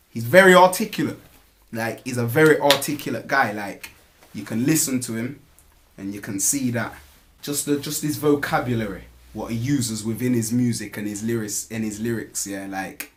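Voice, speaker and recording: A male rapper with a Nottingham accent chats casually in an interview. His voice sits at a medium pitch. He speaks in street slang and keeps adding little tag questions to the ends of his phrases. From Nottingham, England. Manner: repeatedly tags phrases with "you get me" and "innit".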